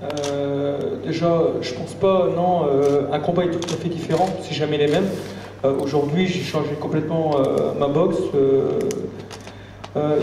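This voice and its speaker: A man, a boxer, answering press conference questions in a hesitant, measured, earnest way. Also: a little high. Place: echoey press conference room. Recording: echoey hall, distant mic, faint noise.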